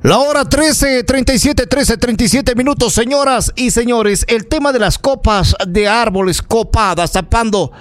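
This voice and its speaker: An Ecuadorian-accented local radio news host gives live, indignant opinion commentary to listeners, speaking emphatically and repeating phrases for effect. His voice is extremely high-pitched, at normal speed with few pauses, and the recording is dry.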